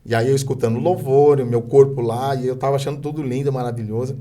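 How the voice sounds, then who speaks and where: A Brazilian man with a mellow, dark-toned voice at an ordinary pitch shares a heartfelt personal testimony. He speaks in halting bursts and keeps restarting his sentences. At times his emotion rises close to tears. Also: fairly even intonation. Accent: Brazilian Portuguese. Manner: hesitant storytelling with many restarts. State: moved to the point of tears at times. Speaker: guest telling his life story.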